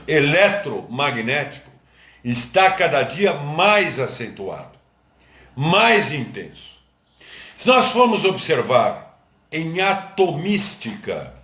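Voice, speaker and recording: A man's voice: mid-range voice, a bit bright, echoey room. A man with a Brazilian Portuguese accent giving a live lecture, teaching step by step, repeating points and checking whether listeners follow. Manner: didactic, repeats and asks the audience if they understood. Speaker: esoteric lecturer.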